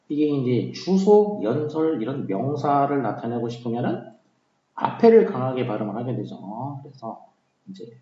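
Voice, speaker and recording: A man with a dark, mid-range voice teaches English vocabulary in a casual, conversational lecture, using many fillers and repeating key words. The recording sounds roomy, dull, and lo-fi.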